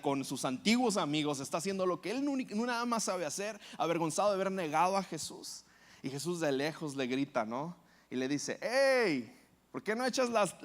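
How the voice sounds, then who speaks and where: A man preaching a sermon as pastor, telling a story and acting out the quoted lines. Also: fairly high pitch.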